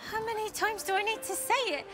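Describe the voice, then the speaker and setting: A frantic, high-pitched mother. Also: fairly even intonation, fast talker, a bit bright. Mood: distraught. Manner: distraught, pleading and exasperated. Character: frantic mother searching for her missing daughter. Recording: game audio with clear music.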